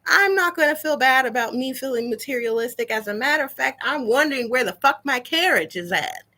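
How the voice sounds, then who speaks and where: A woman's voice: high voice, expressive, a little fast, pushed and bright. A woman delivering an indignant, profanity-filled rant straight to the camera. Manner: swearing, indignant, emphatic. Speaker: vlogger.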